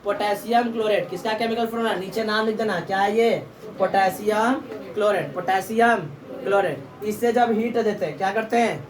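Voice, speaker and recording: A woman's voice: mid-range voice, fairly even intonation, brisk, a crowd in the background. A woman teaching a classroom lesson, asking the class questions and repeating the answers back. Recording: echoey room from far off, faint background noise.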